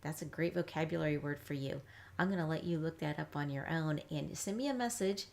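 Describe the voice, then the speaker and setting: A woman reading teacher giving a live phonics lesson, chatty and upbeat, slowly sounding words out piece by piece. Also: deep voice, vocal fry. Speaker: reading teacher, academy founder.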